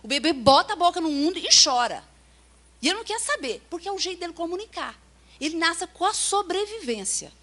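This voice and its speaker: A woman's voice: extremely high pitch, big pitch swings, a little fast, fairly bright tone. A woman with a Brazilian Portuguese accent giving a chatty sermon at a retreat, often checking in with her listeners and acting out little quoted voices. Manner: chatty, keeps checking in with the audience. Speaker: preacher at a workers' retreat. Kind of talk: conversational sermon.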